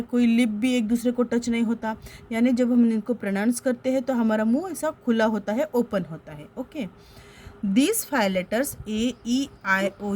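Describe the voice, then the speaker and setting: Woman teacher going real slow, spelling out little words letter by letter, bit of hiss behind. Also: on the high side, a little mellow. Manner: slow, repeats each word and spells it letter by letter; asks questions and answers them herself. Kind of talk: grammar lesson for young children.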